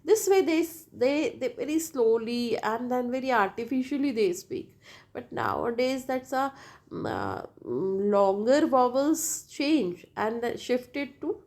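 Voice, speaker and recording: Slow-paced Indian woman lecturing. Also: fairly high pitch, very animated, darkish tone. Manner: halting, repetitive, often checks with "right?". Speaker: linguistics teacher. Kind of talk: lecture explanation.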